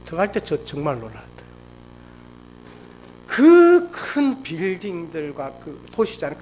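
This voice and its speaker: A middle-aged man preaching a sermon at a church service, telling a personal story with lively, acted-out storytelling. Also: on the high side, measured pace, slight background noise. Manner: animated storytelling, acts out quoted speech. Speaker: pastor. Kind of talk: sermon testimony.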